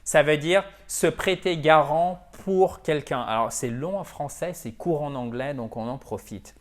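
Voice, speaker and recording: A man's voice: on the high side, measured pace. A man teaching English in a video lesson, drilling pronunciation by repeating words and checking in with "ok?". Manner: switches between French and English.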